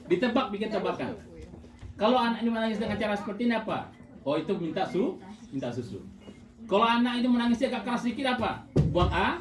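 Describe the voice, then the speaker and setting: A woman giving an informal religious talk to mothers, lively and laughing, often asking her listeners questions. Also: mid-range voice. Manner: lively, asks the audience often, frequent laughs. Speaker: religious speaker. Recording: echoey room, voice from far off, crowd behind.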